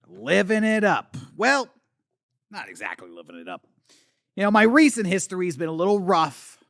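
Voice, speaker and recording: Man doing a gravelly, slurring has-been alien star; slow, rambling, pitch jumping all over, dry close mic. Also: fairly bright tone, no room sound, full character voice. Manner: rambling, slurry, swings between boasting and muttering. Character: washed-up male 80s alien puppet star, boozy and bitter. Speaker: talk show host character. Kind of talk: comedic character monologue.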